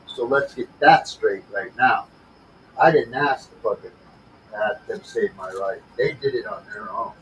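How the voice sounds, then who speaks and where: A man's voice: lowish voice, measured pace, a bit bright, slight background noise, rough recording. A man talking casually on his livestream, blunt and frustrated, swearing heavily. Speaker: livestream host.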